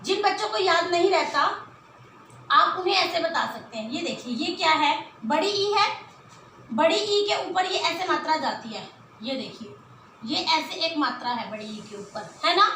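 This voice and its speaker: A woman teaching a children's Hindi lesson, patiently explaining and stretching syllables slowly when she sounds out words. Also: very high voice, animated, sharp tone, reverberant, a little hiss or hum. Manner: patient explaining, frequent rhetorical questions.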